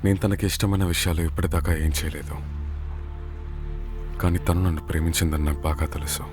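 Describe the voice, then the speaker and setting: A man's voice: very deep voice, fairly even intonation, quick pace, music in the background. An actor dubbing a brooding man who speaks bluntly and insistently. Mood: grieving. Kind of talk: dubbed film acting.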